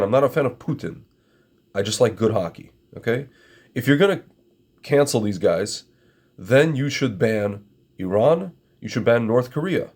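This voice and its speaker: Speaking on the low side in a creaky, slightly mellow voice, a middle-aged man from Ukraine lectures his viewers with strong opinions. Russian is his first language, and he leans on repetition and emphasis, frequently calling the audience "my friends."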